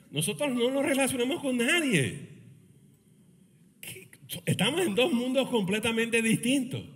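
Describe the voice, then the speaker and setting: A male pastor preaching a sermon, animated and joking, with many rhetorical questions. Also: high voice. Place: church meeting in a school hall. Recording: reverberant hall.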